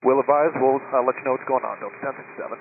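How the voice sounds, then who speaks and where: A man, an airline pilot, giving steady, brief replies as a pilot over the radio. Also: medium pitch, rapid-fire, creaky. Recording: tinny radio with faint static.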